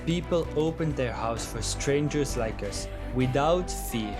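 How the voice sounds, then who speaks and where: A young man, calmly narrating a travel vlog voice-over. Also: mid-range voice, unhurried. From Belgium. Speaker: travel vlogger. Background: music.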